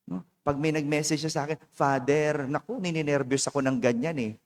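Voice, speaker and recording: A Filipino priest talks through his homily in a loose, chatty way and keeps checking in with the congregation through quick questions. His voice sits high for a man. It carries the long ringing reverb of a church. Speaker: parish priest. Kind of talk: conversational homily.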